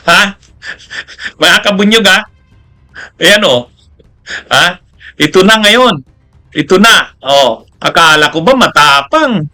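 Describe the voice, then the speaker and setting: A man's voice: sits high, lively intonation, slow, pauses often, sharp tone, soft background music. A Filipino man giving casual political commentary, chatty and mocking, laughing often and tossing in asides. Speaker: news commentary vlogger.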